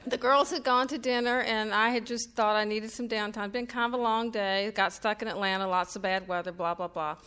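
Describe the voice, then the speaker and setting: A middle-aged Southern woman from North Carolina, an author at a reading, entertains a live audience in an event room with chatty, self-deprecating humor. Her medium-pitched voice is steady, smooth, and sharp-toned, moving a little fast with hardly any pauses.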